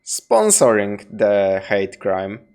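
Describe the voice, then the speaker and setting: A young man reacting off the cuff as a streamer, speaking casually in a halting, sweary way. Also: fairly low pitch, sing-song, a little mellow.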